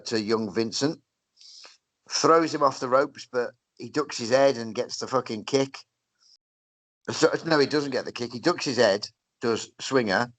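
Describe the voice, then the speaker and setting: A man's voice: medium pitch, fairly bright tone, no echo, rough recording. Casting: man, podcast co-host, sarcastic, swears a lot, recorded close and dry. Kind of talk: casual chat reviewing wrestling.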